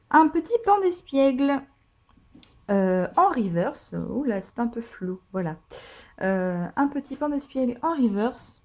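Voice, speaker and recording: A woman's voice: on the high side, a little mellow. Chatty, gushing French woman. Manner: chatty and gushing, with many fillers. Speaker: card-opening vlogger. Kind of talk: casual pack-opening commentary.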